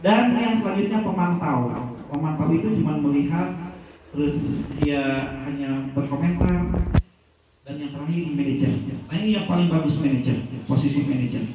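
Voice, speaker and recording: Man teaching in a high voice, echoey and distant. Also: normal speed, a little hiss or hum. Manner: loose and conversational, acting out student dialogues. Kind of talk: informal lecture with acted classroom examples. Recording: distant, echoey room, dull sound.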